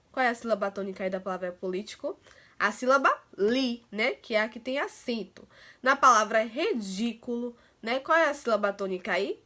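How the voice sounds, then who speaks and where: A woman teacher with a Brazilian accent, her voice sitting a little high and sounding bright and clear. She explains a lesson to children in an affectionate, patient way, drawing words out slowly and adding small check-ins to keep them with her. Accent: Brazilian Portuguese. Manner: affectionate, tags nearly every phrase with "né" and "tá"; slows to stretch out words and syllables. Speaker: primary school teacher. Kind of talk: recorded Portuguese grammar lesson for children.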